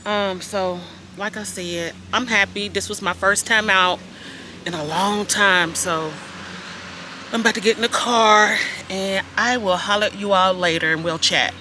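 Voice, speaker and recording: A woman's voice: medium pitch, steady tone, a little slow, noisy background. A woman in her fifties chatting casually to her viewers in a self-filmed vlog, recorded on a phone at a park and in her car. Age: 50s. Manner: chatty, talks straight to viewers, many fillers. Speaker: vlogger. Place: outdoors at a park and in a parked car.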